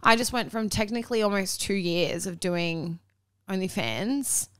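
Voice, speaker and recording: A woman's voice: mid-range voice, smooth, no echo, studio quality. A woman, co-hosting a casual podcast chat, talking freely and swearing often. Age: 20s. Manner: chatty, swearing, quick laughs. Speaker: podcast co-host.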